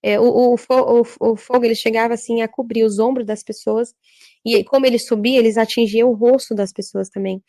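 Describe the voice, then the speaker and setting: Halting woman giving testimony. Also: fairly high pitch, fairly even intonation, warm tone, dry recording. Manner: halting, repetitive, frequent filler tags. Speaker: church worker giving testimony. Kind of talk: religious testimony.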